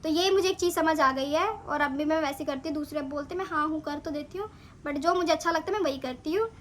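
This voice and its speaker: A young woman with a high, bright voice tells her own stories in a relaxed vlog. She talks in a chatty, animated way, like someone recounting her days in clinical training. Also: fast, slight background noise. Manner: animated, chatty retelling of events. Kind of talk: casual storytelling vlog.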